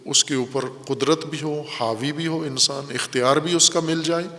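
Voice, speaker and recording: A man giving a religious lecture, explaining word meanings in a measured way and repeating key words for emphasis. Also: on the high side, steady tone, pushed and bright. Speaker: Quran commentary teacher. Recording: long hall reverb.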